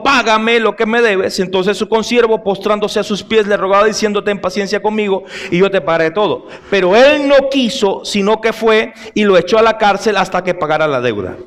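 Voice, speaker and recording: A male pastor preaching a sermon, reading scripture aloud and explaining it, turning to the congregation with direct questions and asides. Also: sits high. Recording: long hall reverb.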